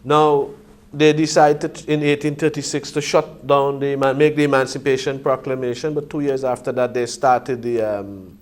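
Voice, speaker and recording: Man explaining in a halting way. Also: medium pitch, little pitch movement. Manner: hesitant phrasing, often checks with "you see". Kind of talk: Rastafari reasoning, conversational explaining.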